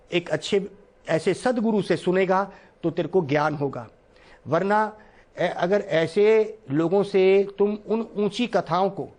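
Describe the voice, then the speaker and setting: High-voiced man giving a devotional talk. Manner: recites verse then explains it line by line, earnest and pleading. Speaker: spiritual teacher. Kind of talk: devotional discourse explaining Sanskrit verse.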